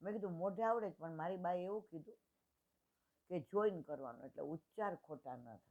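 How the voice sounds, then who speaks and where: A woman's voice: fairly low pitch, fairly quick, warm tone. Woman in her sixties on a tinny line. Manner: retells dialogues in plain homely speech. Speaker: satsang speaker. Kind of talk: devotional storytelling talk.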